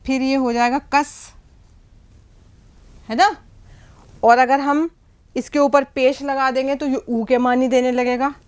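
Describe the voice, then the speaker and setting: High-voiced woman teaching a patient lesson. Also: fairly even intonation, measured pace, clean tone. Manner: patient explaining, frequent checks like "hai na?" and "theek hai". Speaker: Urdu teacher. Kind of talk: whiteboard language lesson.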